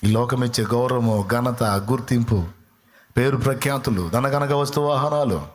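Man preaching with rhetorical questions. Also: medium pitch. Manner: reads scripture slowly and deliberately. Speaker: pastor. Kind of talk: sermon.

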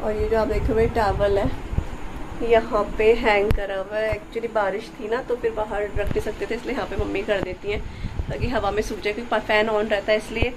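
A woman's voice: medium pitch, level tone, fairly quick, background noise. A woman from India, a mother, chatting casually through a home vlog in a homely, rambling way. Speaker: vlogger, mother. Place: family home.

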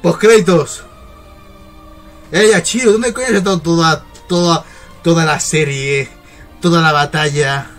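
A young man from reacts to anime in an emotional, exclamatory way, swinging between cries and murmurs. His voice sits a little high. Faint music plays in the background. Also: a little slow, long pauses, fairly bright tone. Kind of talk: excited reaction commentary.

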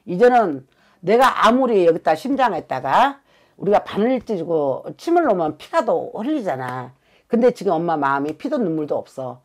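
Woman from jeolla doing a fortune reading, low-ish voice that jumps all over, blunt and pushy. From Suncheon, South Jeolla, Korea. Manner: blunt and emphatic, swears, keeps pressing for agreement. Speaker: fortune teller. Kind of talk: fortune-telling consultation.

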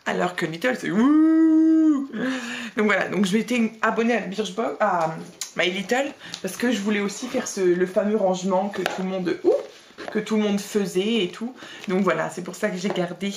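A woman's voice: medium pitch, normal speed, noisy background. A young woman vlogging a casual beauty box review, chatty and blunt, with slangy asides and lots of fillers.

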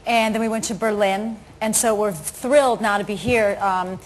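A woman's voice: mid-range voice, steady tone, normal speed, a little hiss or hum, poor audio. A woman chatting as a talk show guest, dry and self-deprecating. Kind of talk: casual chat.

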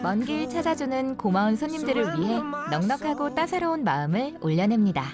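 A woman's voice: high-pitched, big pitch swings, a little fast. A woman reading scripted television documentary narration as a voice-over. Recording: studio voice-over under loud music.

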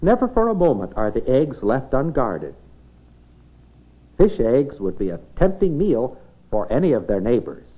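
With a slightly rough, medium-pitched voice and a sing-song delivery, an American man reads 1950s educational film narration at a measured pace. He explains things plainly, the way one tells a story to kids, over a dull, band-limited period soundtrack.

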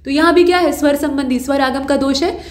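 A high-voiced woman teaches exam-prep grammar fairly quickly with fairly even intonation, patiently explaining each answer step by step. She keeps asking her students rhetorical questions and corrects her own slips mid-sentence, while the sound echoes around a roomy space.

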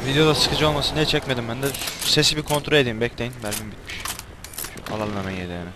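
A man doing casual let's-play commentary, crude and swearing, with loud angry outbursts at the game. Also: medium pitch, fast, noisy background. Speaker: gameplay commentator. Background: game music and sound effects.

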